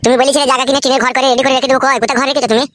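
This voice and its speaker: A woman's voice: high voice, flat delivery, very fast, fairly bright tone, slight background noise. A woman voicing a brash young village husband in a comedy cartoon, who boasts and bickers rudely. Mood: arguing.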